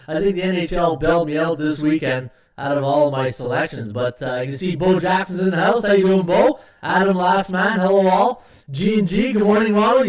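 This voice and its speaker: A man hosting a sports betting livestream in a chatty, filler-heavy way, his microphone sounding echoey like a tunnel. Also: sits high. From Canada. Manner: chatty, greets viewers by name, many "uh" fillers. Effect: echoing tunnel-like sound on his microphone. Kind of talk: casual livestream chat. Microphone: USB desktop microphone. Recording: echoey hollow mic sound.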